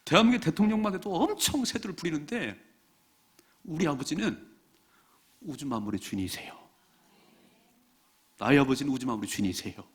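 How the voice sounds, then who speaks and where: A male pastor preaches at a church service with a slightly husky voice. His pitch rises and falls in a lively way, and he repeats key phrases with emphasis. When he reads scripture, he slows down and draws the words out. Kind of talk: sermon.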